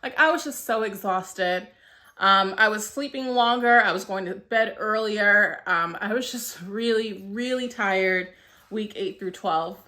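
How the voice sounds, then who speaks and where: A woman's voice: medium pitch, unhurried, bright, forceful tone. A woman in her thirties chatting casually to camera as a vlogger, a little short of breath, with frequent "um" and "like" fillers. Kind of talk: casual vlog talk to camera.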